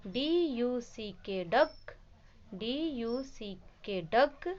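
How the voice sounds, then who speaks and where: A woman's voice: a little high, extremely slow, highs cut off, slight background noise. A woman teaching a kindergarten English phonics lesson, spelling short words letter by letter and explaining them in Hindi.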